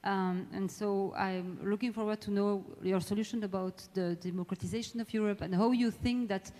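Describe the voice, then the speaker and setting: Amplified in a large indoor conference hall with long reverberation, a woman with a French-speaking Belgian accent introduces a live panel debate in English. Her mellow, soft-edged voice is medium in pitch with fairly even intonation. Speaking a non-native language, she halts and often searches for words.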